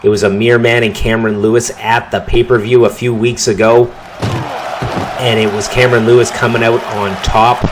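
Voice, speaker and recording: A man calling a wrestling match play-by-play, his voice jumping up in pitch and volume on big moves and near-falls. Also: moderate pace, background noise. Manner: excited calls that rise on big moves and pin counts. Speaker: wrestling commentator. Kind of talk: play-by-play commentary.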